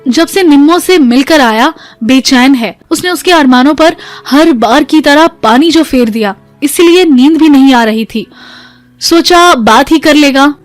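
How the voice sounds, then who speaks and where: A woman narrating a family drama story in a steady storytelling manner. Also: high voice, a little slow, no room sound, soft background music.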